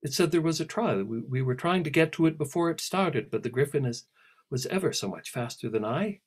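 A man's voice: a little high, lively intonation, brisk, slightly rough, voice pushed up. Alice, a man doing a prim, peeved little girl. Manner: indignant, polite but peeved.

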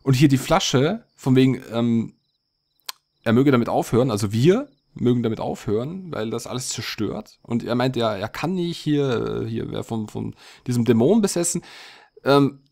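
Casting: male let's player, casual hesitant commentary, mid pitch. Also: lively intonation, normal speed, gravelly, a little mellow. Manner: musing, hesitant, thinking aloud. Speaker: let's play host.

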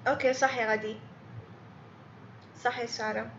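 A woman's voice: on the high side, level tone, moderate pace, fairly bright tone, reverberant, lo-fi sound, slight background noise. A woman teaching a beginner English grammar lesson online, patiently repeating words and quizzing students by name.

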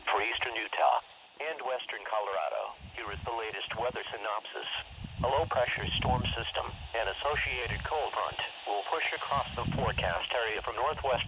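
A man reading an automated weather broadcast in an even, measured way, heard over a weather radio. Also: mid-range voice. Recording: muffled radio speaker with static hiss.

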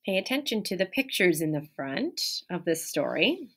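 In a small room by a window, a woman in her thirties who teaches elementary school reads a picture book aloud to young listeners. Her voice sits fairly low and moves at a moderate pace, and she's very animated, stressing key words, adding asides and prompting the kids with questions.

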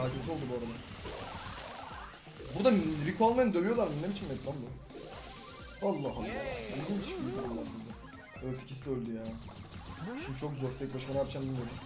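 A young man with a Turkish accent giving excitable live gameplay commentary, talking to teammates and viewers with sudden loud outbursts. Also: a little high. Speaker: gaming YouTuber. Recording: roomy sound with game music behind.

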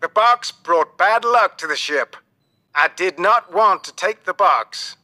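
A man's voice: high voice, animated, slow, sharp tone, voice pushed up, heavily acted. A man voicing a commanding, grave ship captain with an emphatic delivery in an audiobook story. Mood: grave, explaining. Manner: emphatic, short urgent orders. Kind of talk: audiobook character dialogue.

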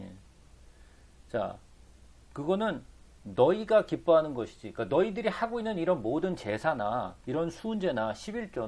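A man teaches the Bible, reading scripture aloud between his explanations, then posing rhetorical questions and answering them himself. His voice is husky and gravelly, medium in pitch, with a darkish tone.

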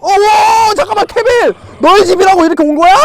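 A VR game YouTuber giving excited gameplay commentary, loud and playful, yelling at the characters in the game. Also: extremely high pitch, vocal fry, heavy background noise.

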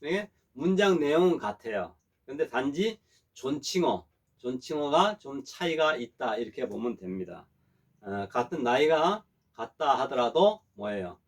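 A middle-aged man teaching a language class, explaining polite phrases, checking often that students follow and saying example sentences slowly for them to repeat. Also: mid-range voice, very animated. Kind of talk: classroom lesson.

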